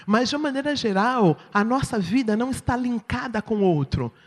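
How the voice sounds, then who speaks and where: Expressive Brazilian woman preaching in a hall. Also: on the high side, brisk. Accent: Brazilian Portuguese. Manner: expressive, asks the audience "right?". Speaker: church speaker. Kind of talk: sermon-style teaching talk. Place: church hall. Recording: long reverb in a hall.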